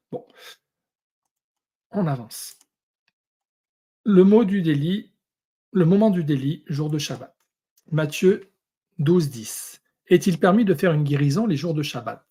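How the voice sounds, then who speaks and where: A man teaching a lesson, going through Hebrew and Greek words one at a time with many pauses. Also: fairly high pitch, dark tone, slightly rough. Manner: explains word by word, pausing often. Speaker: Bible teacher.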